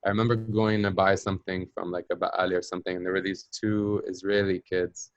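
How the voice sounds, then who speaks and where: An American-accented man from the Palestinian diaspora tells a personal story as an interview guest, reflective and searching for words with frequent fillers in conversational storytelling. His deep voice is flat and brisk, and the recording is muffled with no room sound.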